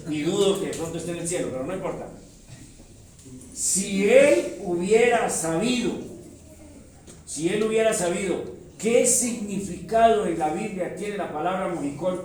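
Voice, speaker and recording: A man's voice: sits high, a little hiss or hum. A man, a pastor teaching a Bible seminar to his congregation in a chatty, teasing way. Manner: chatty, teasing, addresses listeners as "mis amores". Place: church hall with audience. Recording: echoey hall, mic from far off, crowd.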